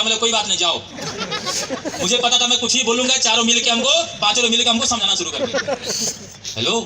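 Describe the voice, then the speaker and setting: A man giving a storytelling motivational speech to a live audience in a hall, acting out quoted dialogue and calling out to the crowd. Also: extremely high pitch. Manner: animated, acts out quoted dialogue, calls out to the crowd. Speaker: motivational speaker at a sales meeting.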